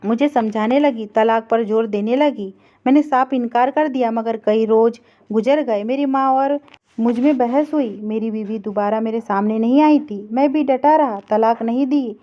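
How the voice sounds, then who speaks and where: Woman reading a sad story, steady tone, kinda high voice, muffled audio. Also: normal speed. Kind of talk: scripted story narration. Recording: dull lo-fi recording.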